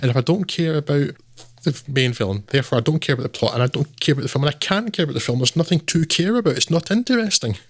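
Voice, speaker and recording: A podcast co-host chats casually about films, rambling and dismissive with plenty of fillers. His voice is on the high side, expressive, husky, and rapid-fire, with no room sound.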